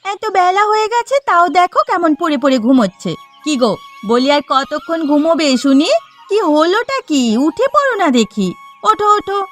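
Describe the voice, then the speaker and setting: A woman voicing a nagging, excitable village wife in a cartoon who plots a theft. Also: high-pitched, normal speed, faint music behind. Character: scheming shrill village wife. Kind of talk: Bengali cartoon voice acting.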